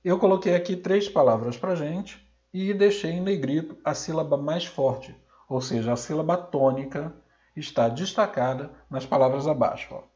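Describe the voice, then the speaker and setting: A Brazilian Portuguese man teaching a recorded grammar lesson, sounding out example words slowly and loudly. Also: on the high side, muffled recording.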